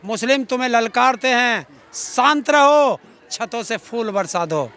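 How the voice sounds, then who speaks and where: A middle-aged farmer activist from Uttar Pradesh, India, speaks in a very high-pitched, somewhat bright voice at a measured pace. Interviewed outdoors in a public place, he is combative, sarcastic, and outspoken, full of rhetorical challenges. A faint crowd can be heard behind him.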